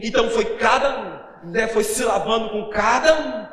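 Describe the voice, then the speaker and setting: A man's voice: very high-pitched, moderate pace, a bit bright. A man preaching a sermon in a Brazilian Portuguese accent, speaking emphatically and often questioning the congregation. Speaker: pastor. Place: church conference hall. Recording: echoey church hall with long reverb.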